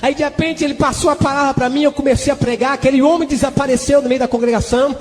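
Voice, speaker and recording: A preacher tells his testimony with fervor and sudden swings in his delivery. His voice is very high for a man, carried by a long hall reverb with faint music underneath. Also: fairly even intonation, fast. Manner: fervent, with dramatic swings in delivery. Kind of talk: sermon testimony.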